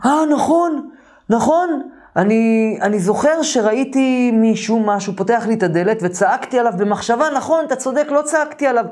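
A man voicing his startled young male roommate, excitedly remembering a night event in a high, exclaiming tone. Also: few pauses, lightly acted.

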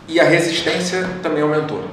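A man's voice: a little high, fairly even intonation, fairly quick, a bit bright. A man speaking as a guest in a casual interview, telling his stories with frequent hesitant restarts. His voice bounces around a very echoey room. He sits back from the microphone, with faint noise underneath. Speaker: guest, engineer. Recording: roomy echo, distant from mic, faint noise.

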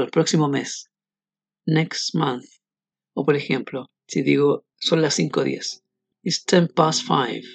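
A man teaching English pronunciation in a scripted podcast, explaining clearly and modeling words slowly. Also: a little high, darkish tone, no room sound.

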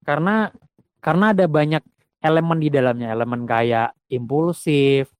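A man talking about songwriting in a casual conversation, reflective and halting, restarting his sentences. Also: a little high, clean tone, no echo.

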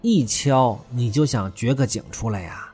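A man voicing a sharp-tongued young servant wife in a storytelling performance, scolding and pleading. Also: mid-range voice, moderate pace, slightly rough, soft background music, lightly acted.

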